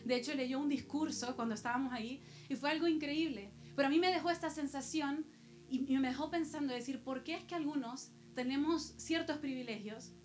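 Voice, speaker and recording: A woman pastor from El Salvador, preaching a sermon with personal stories and rhetorical questions to the congregation. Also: high-pitched.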